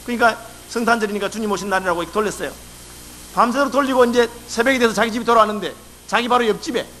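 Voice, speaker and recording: A man's voice: sits high, sharp tone, a little hiss or hum. A male pastor preaching a sermon in a church, acting out complaints in dialect. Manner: acts out quoted complaints in dialect. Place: church sanctuary.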